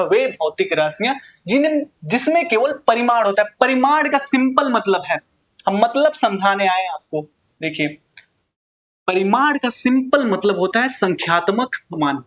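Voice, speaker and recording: High-voiced male teacher, questioning himself. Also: a bit bright. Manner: asks questions and answers them himself, often says "bhai sahab". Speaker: physics teacher. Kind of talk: casual classroom lesson.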